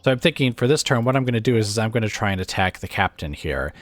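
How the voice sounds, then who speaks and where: In a dry recording, a man with a lowish voice made raspy and weak by illness commentates a strategy game at a quick pace with lively intonation, casually thinking aloud and using plenty of hesitant fillers.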